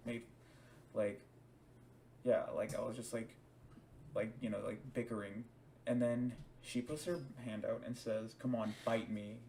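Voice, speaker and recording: Hesitantly recounting a personal experience to the camera, a young DJ and stage performer keeps restarting and repeating words. The medium-pitched, slightly mellow voice is recorded from a distance, with a slight hiss or hum.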